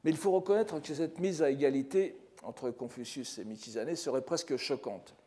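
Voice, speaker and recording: An older man giving a scholarly lecture as a professor, measured and careful, often restarting phrases and adding rhetorical asides. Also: medium pitch, warm tone. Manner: measured, scholarly, with frequent restarts and "n'est-ce pas". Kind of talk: academic lecture. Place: lecture hall.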